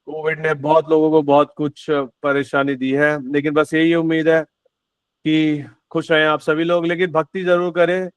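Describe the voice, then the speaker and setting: A man with a high voice hosts a singing session on a video call. He chats in a loose, encouraging way and jokes easily with his guests. His voice sounds dry and close, with no echo. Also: little pitch movement, moderate pace, clean tone. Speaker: host of an online devotional singing session. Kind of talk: casual chat.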